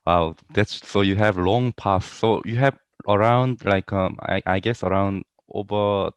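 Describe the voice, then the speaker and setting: Low-voiced guy hosting an interview on a video call, dry sound. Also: measured pace, smooth, dry recording. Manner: brief backchannel interjections. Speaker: podcast host. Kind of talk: casual interview.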